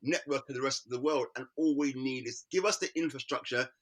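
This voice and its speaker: A middle-aged London-accented artist from Britain, a guest in casual conversation, animatedly recounts stories and acts out quoted voices with laughter. He talks a little fast at medium pitch against a noisy background.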